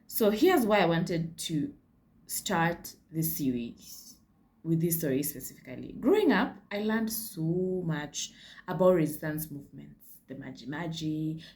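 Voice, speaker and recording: A woman's voice: low voice, a little mellow. A Kenyan woman hosting a casual history vlog, chatty, with frank asides and slips into Swahili. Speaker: history channel host.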